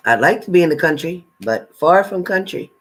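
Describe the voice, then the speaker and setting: With a somewhat high, husky voice and a fairly bright tone, a New Jersey tarot reader chats casually on a livestream at a moderate pace. His intonation is lively as he names viewers to greet and thank them, gives friendly advice, and often laughs.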